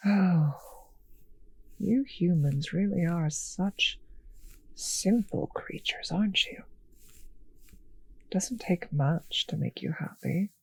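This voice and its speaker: This intimate roleplay audio drama features a woman as a teasing, possessive vampire mistress, speaking slowly and condescendingly in a lowish, breathy voice that keeps dropping to a whisper. She gives an animated, full character voice with a tender, condescending mood, on a rough recording without room sound.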